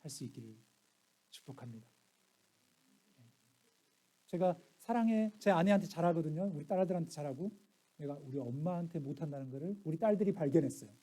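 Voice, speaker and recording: A middle-aged male pastor preaching, his voice pitched high for a man yet mellow and warm in tone. He tells stories and acts out the lines of others, dropping to near hushes and rising to loud bursts. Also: expressive, brisk, long pauses, breathy edge. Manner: storytelling, acts out family quotes, swings soft to loud. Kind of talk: sermon.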